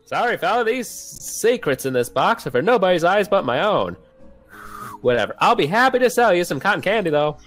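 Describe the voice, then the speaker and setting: A man's voice: sits high, big pitch swings, a little fast, fairly bright tone, soft background music, voice pushed up. A man voicing a chirpy, folksy carnival clown vendor in a video game, boasting and selling with showman patter. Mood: cheerful selling. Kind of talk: improvised character voice for a video game read-along.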